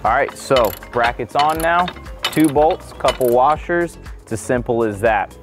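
A man's voice: medium pitch, a little slow. A man in his thirties, the channel host, casually explaining a boat install outdoors to his viewers. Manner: upbeat, relaxed explaining to viewers. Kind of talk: casual how-to vlog. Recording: faint music underneath.

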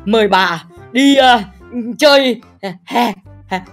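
A man voicing a bashful teenage boy, a reformed school bully, stammering and repeating words nervously in a Minecraft role-play, his voice pitched up. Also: slow, creaky, a bit bright, faint music behind, exaggerated voice.

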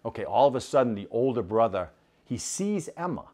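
A man telling a story in an animated, conversational talk, often asking the listener "right?". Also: mid-range voice, a little fast. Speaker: speaker.

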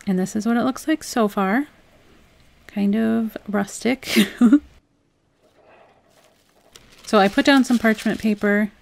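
A young adult woman hosting a home crafts channel, talking through a project in a relaxed, chatty voice-over with frequent "um"s. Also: on the high side, slow, vocal fry, pauses often. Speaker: DIY crafts channel host. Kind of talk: casual voice-over tutorial.

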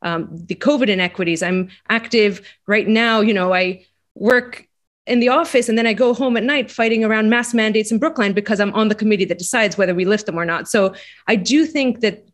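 A woman's voice: mid-range voice, a little fast. A woman, speaking casually on a panel, with frequent fillers and restarts. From Greece. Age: 40s. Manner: conversational, many "you know" fillers and restarts. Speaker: panelist, center executive director. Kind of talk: panel discussion.

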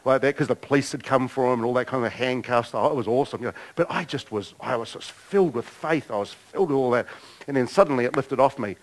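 A middle-aged man preaching a sermon to a church congregation. He tells stories in an animated way, acts out the voices of people in them, and pokes fun at himself. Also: mid-range voice, quick pace, low-quality recording. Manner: animated storytelling, acting out quoted voices, self-mocking humor. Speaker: pastor. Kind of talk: storytelling sermon. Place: church service before a congregation.

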